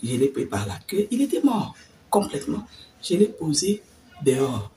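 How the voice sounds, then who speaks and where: An older woman telling a personal faith story in an animated way, dropping to whispers and laughing as she talks. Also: deep voice, moderate pace, distant mic, a little hiss or hum. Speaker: testimony speaker.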